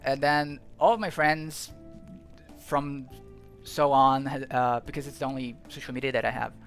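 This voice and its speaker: A young Brazilian man, a native Portuguese speaker with a Brazilian Portuguese accent, casually comments on a game he's streaming. His medium-pitched voice has a fairly bright tone, fairly even intonation and a moderate pace. He rambles and thinks aloud, often restarting, over soft background music.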